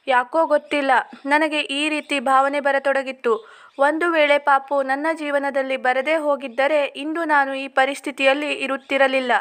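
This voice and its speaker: Woman reading a first-person story out loud, steady and even, pretty high voice that stays flat. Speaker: story narrator.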